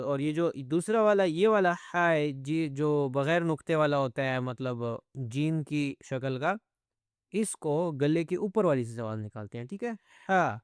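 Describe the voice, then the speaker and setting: A man teaching Quran recitation step by step, explaining each letter and then chanting verses slowly. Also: a little high, clear, resonant tone, no room sound, clean studio sound.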